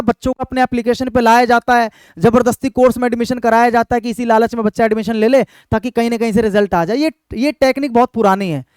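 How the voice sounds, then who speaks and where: Here a young English teacher preparing students for exams speaks directly to the camera in a very high, clear, resonant voice with no echo. Earnest throughout, he repeatedly checks in using "ठीक है?" and "भाई".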